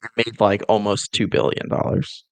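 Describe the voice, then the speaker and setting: A man with a lowish voice and plenty of vocal fry makes an eager movie pitch on a casual podcast. He explains like a devoted fan, wandering loosely into tangents. The sound is close and conversational. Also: steady tone, moderate pace, no room sound.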